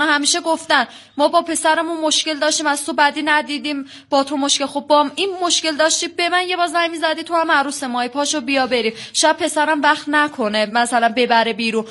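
A young woman telling a counselor about her marriage in long, fast runs, acting out past exchanges. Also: high voice, sharp tone. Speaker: guest on a counseling show. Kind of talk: emotional personal account.

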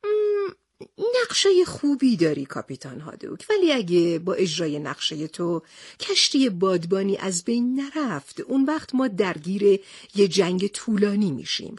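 Tintin, a woman doing a calm young reporter. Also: medium pitch, slightly rough, dry recording, studio quality. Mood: steady. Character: calm, level-headed young male reporter and leader.

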